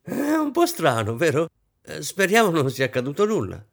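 A man reading aloud voices an anxious wealthy hostess, a woman who talks in a frantic, high-strung way. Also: very animated, brisk. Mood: nervous.

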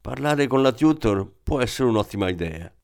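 Casting: man as a measured, pragmatic female inspector, plain audiobook read. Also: medium pitch, lively intonation, creaky, clean tone. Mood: calm. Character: woman police inspector, calm and pragmatic. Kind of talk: audiobook reading.

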